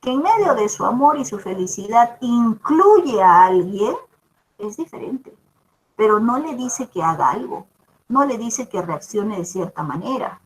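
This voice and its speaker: A woman's voice: a little high, expressive, a little slow, poor audio. A woman teaches a virtual class. She walks through examples and keeps checking that her students follow. A faint hiss sits under her voice. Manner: explains with examples, often checks with "¿no?" and "¿ya?". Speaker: language teacher.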